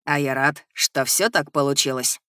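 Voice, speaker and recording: A man voicing a gentle young male lord and inventor in an audiobook, speaking calmly and reassuringly. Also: on the high side, a little fast, no echo, studio quality, natural voice. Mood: earnest. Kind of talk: audiobook character reading.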